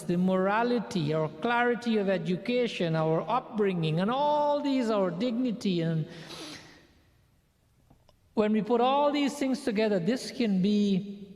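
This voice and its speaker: Leading prayer, a man preaches an earnest spiritual sermon in measured tones, stacking up lists of phrases and repeating them for emphasis. His darkish voice sits high, echoing with long hall reverb.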